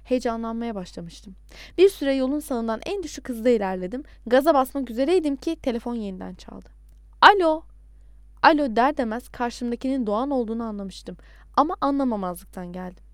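A woman narrating a novel in an expressive storytelling manner. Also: fairly high pitch, brisk, clear, resonant tone, no room sound, clean studio sound. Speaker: audiobook narrator. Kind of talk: scripted audiobook narration.

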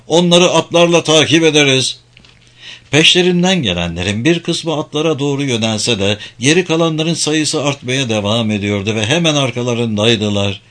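A man reading an adventure novel aloud in measured, dramatic audiobook narration. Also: mid-range voice, fairly bright tone.

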